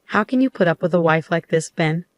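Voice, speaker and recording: A woman's voice: on the low side, lively intonation, brisk, no echo, close to an everyday voice. A woman voicing a domineering older mother-in-law who scolds and commands harshly. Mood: scolding.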